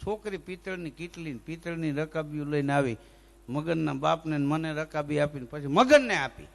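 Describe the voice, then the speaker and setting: A male folk comedian spins comic village tales and slips into lisping character voices. His voice sits high and has a gravelly edge. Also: moderate pace. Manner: lively joke-telling with sung bits and acted lisping voices. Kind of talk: dayro comic storytelling.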